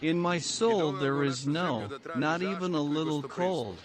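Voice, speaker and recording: Man, dubbed documentary narration, very slow, measured and flat, crowd murmur behind. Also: fairly high pitch. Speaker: voice-over narrator.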